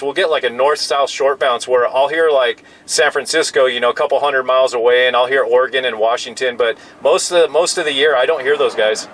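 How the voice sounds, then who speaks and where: With a mid-range, fairly bright voice, an American CB operator in his fifties rambles easily through casual two-way radio conversation while sitting in his pickup. The in-vehicle audio is low quality, with background noise clearly present.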